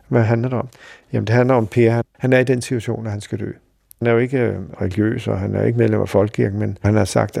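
A middle-aged Danish man telling a personal story in a halting, reflective way, with many fillers. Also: on the low side, gravelly, mellow, slightly rough, dry recording, studio quality. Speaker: interviewee recalling a friend.

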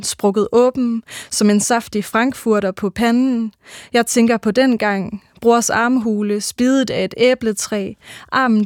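A woman giving a measured, rhythmic reading of her own first-person literary prose. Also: fairly high pitch, darkish tone, no echo, studio quality.

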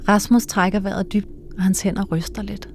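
A woman narrating a documentary in a calm, measured, soft-spoken way. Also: medium pitch, a little hiss or hum. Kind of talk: scripted narration.

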